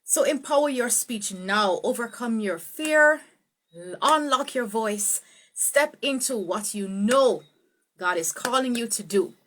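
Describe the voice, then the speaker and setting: Woman, speech coach, live online tutorial, fairly high voice, dramatic swoops in pitch, webcam sound. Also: slow. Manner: expressive, swoops pitch up and down for emphasis; greets viewers by name, laughs easily.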